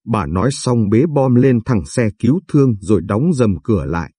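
Man, storyteller, scripted narration, earnest, husky, dry close sound. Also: medium pitch, big pitch swings, moderate pace, dark tone, no room sound. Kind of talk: scripted first-person narration.

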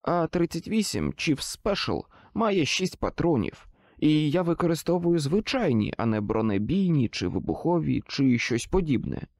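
Lively dramatic male audiobook narrator. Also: a little high, normal speed, dry recording, studio quality. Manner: expressive, dramatic storytelling. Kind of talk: first-person audiobook narration.

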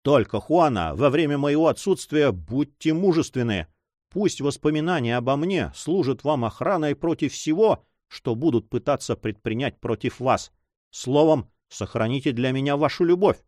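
A man's voice: medium pitch, expressive, normal speed, a little mellow, dry recording, clean studio sound, lightly acted. A man voicing a secretive young man in love in his own voice, earnest, reassuring and insistent.

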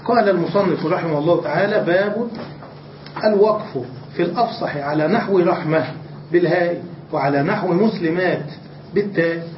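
A man's voice: sits high, brisk, a little hiss or hum. A man, a religious scholar, giving a classroom grammar lecture, asking questions and answering them himself. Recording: distant, roomy, dull lecture recording.

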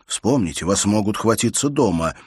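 A man's voice: lowish voice, expressive, normal speed, a little mellow, husky, dry recording, clean studio sound, pitched above the performer's own voice. A man reading an audiobook, voicing an earnest young man who reassures and insists anxiously. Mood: anxious reassuring. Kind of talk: audiobook character voice.

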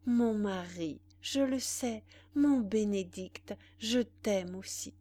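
A woman's voice: mid-range voice, takes it slowly, mellow. A woman voicing a young woman in feverish delirious sleepwalking, speaking in a strong, clipped, urgent way. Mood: tender. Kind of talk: audiobook dialogue reading.

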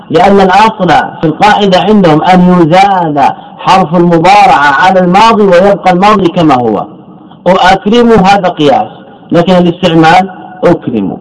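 Lecturing sheikh, slightly high voice. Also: male voice, low-quality recording. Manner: asks the class questions and answers them himself, repeats key words. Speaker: sheikh teaching Arabic morphology. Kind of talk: classroom lecture, explaining a text.

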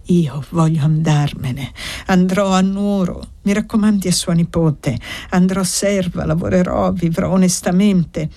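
A woman's voice: on the low side, unhurried, mellow. A woman reading the part of a desperate young foundling woman in an audiobook, pleading and insistent.

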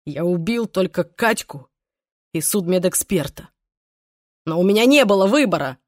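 A woman's voice: lowish voice, expressive, moderate pace, dry recording, clean studio sound, lightly acted. A woman reading aloud and voicing an obsessive young man who pleads desperately and threatens coldly, in an audiobook. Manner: pleading then cold and threatening.

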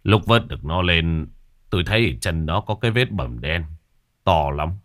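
A man voicing a sorrowful middle-aged fisherman who speaks haltingly, in a storybook reading. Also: mid-range voice, sing-song, breathy edge, voice pushed up. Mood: grieving. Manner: halting, stammering speech. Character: grieving middle-aged fisherman father, low and heavy.

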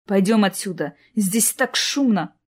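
A woman's voice: mid-range voice, unhurried, slightly rough. A woman reading the lines of an impulsive, shy young man in love, in an earnest way. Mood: eager.

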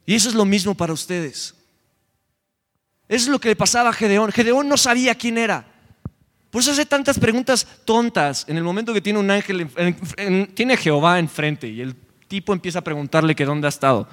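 High-voiced Mexican man preaching in a hall. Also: fairly quick. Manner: animated, joking, retells scripture in quoted voices. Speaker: youth preacher. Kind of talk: sermon. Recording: long hall reverb.

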